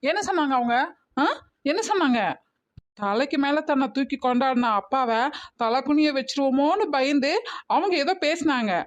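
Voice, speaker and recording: A woman's voice: high voice, normal speed, lightly acted. A woman voicing a bossy, scolding adult woman in a cartoon family drama, emphatic and full of rhetorical questions. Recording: slightly muffled recording.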